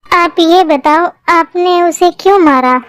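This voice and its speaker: A woman's voice: very high voice, takes it slowly, fairly bright tone, dry recording, heavily acted. A woman voicing a timid teenage schoolgirl in a Hindi fan-dub drama, pleading and easily brought to tears. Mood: earnest.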